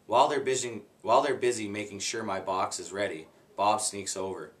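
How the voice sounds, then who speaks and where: A man reading a children's book aloud in an unhurried, plain way, stopping now and then to redo a slip. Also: on the low side. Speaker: guest reader.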